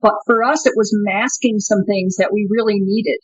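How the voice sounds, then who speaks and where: Speaking at a normal speed in a steady, mid-range voice with a breathy edge, a woman co-founder works through her answers as an interview guest. She often restarts and uses fillers; the dry, slightly dull recording sounds like a remote link.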